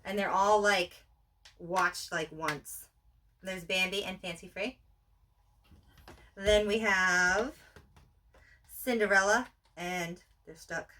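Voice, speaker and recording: This co-host's voice is medium in pitch, steady, bright and forceful, delivered slowly with long pauses. She playfully shows off collection items from a couch at home in an unscripted unboxing, exclaiming and joking at her own expense. It's captured on a distant mic in a noisy room.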